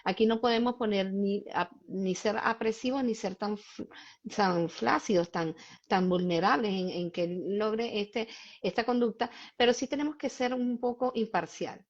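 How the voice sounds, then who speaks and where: A woman's voice: mid-range voice, unhurried. Emphatic woman hosting a lo-fi livestream. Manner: emphatic, explanatory, gives examples to parents. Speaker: host and child behavior specialist. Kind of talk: live-streamed conversation.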